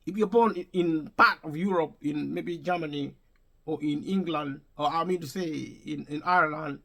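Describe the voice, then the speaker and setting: A vlogger with a gravelly, slightly bright voice on the high side speaks at normal speed, offering his opinions in an unscripted monologue. He addresses viewers directly with emphasis, returning to rephrase and restate his points.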